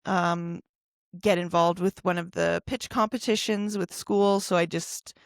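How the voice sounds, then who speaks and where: In unhurried, fairly even tones, a young adult woman co-hosts a podcast, keeping the casual chat loose with lots of fillers and laughs. Her fairly low voice has a creaky quality, and the recording is dry and studio quality.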